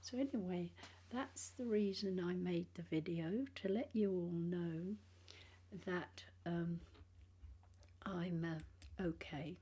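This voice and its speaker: An older British woman, in her sixties or beyond, chatting casually and haltingly in a personal vlog, sounding tired, with speech affected by missing front teeth. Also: on the low side, dark tone, husky. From England. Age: 60s or older. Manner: halting, rambling, trailing phrases.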